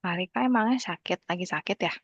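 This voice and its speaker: A woman's voice: lowish voice, fast talker, slightly rough, no echo, lo-fi sound. A woman tutor chatting over a video call whose audio stutters and buffers, repeating herself to check the connection. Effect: choppy buffering video-call audio. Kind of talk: online class small talk. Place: outdoors.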